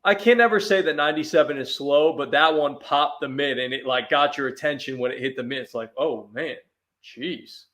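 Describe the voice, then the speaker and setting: A man's voice: on the high side, fairly quick, few pauses, fairly bright tone. A man chatting as a guest on a sports talk show, telling easygoing stories with frequent restarts. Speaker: sports radio host, guest. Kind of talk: casual chat.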